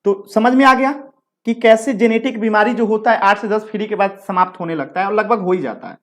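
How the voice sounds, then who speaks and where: A man's voice: high voice, fairly quick, a bit bright. A male teacher giving a live exam-prep lecture. He is chatty, repeats his points, asks the class rhetorical questions and banters with students between explanations.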